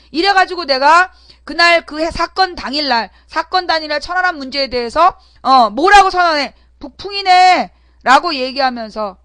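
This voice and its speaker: Brash, bright-voiced woman show host. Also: high voice, no echo. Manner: brash and combative, rhetorical questions and swearing; acts out voices of opponents in her stories. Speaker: internet talk show host. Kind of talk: solo political talk broadcast.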